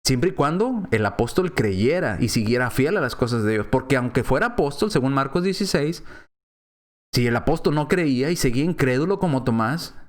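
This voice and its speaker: A man's voice: medium pitch, animated, fairly quick. A man with a Mexican accent preaching a sermon, reading Bible verses aloud and then explaining them with rhetorical questions to his congregation.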